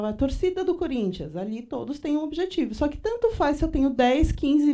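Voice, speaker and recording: High-voiced Brazilian woman trainer. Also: distant mic. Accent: Brazilian Portuguese. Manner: lively, acts out little dialogues. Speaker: corporate trainer. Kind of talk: training talk.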